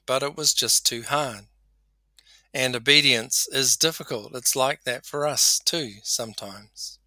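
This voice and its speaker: Slow, bright-voiced man preaching. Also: medium pitch, dry recording. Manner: measured storytelling. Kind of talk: podcast sermon.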